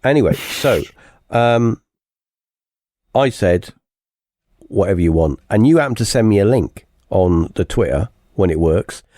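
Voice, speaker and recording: A male podcast host talks in a casual, rambling and jokey way, often restarting his sentences. His voice sits somewhat low and sounds mellow and dark. The recording is dry and close. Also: animated, measured pace, dry recording. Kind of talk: casual chat.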